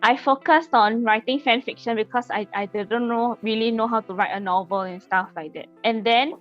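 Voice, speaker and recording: A woman's voice: on the high side, moderate pace, a bit bright, lo-fi sound, faint music behind. A woman in her twenties with a Singaporean English accent, a podcast guest in casual chat who laughs often and hesitates with fillers. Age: 20s.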